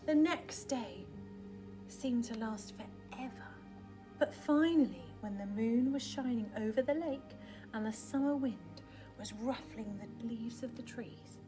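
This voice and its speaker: Over music, a woman reads a picture book aloud to young children in a dramatic, expressive way, frequently slipping into a hushed, breathy tone. Her voice sits on the high side and her pace is measured.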